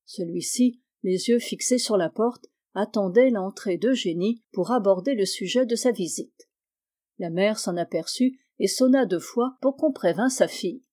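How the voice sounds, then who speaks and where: Woman reading an old novel aloud, even steady storytelling, mellow darkish voice. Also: mid-range voice, unhurried. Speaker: audiobook reader. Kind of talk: scripted narration.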